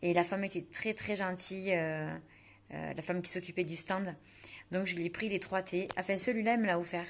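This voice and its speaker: A woman chatting casually to camera about her day, relaxed and full of fillers. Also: fairly low pitch, fairly quick. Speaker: vlogger preparing for a fitness competition. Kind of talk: casual vlog narration.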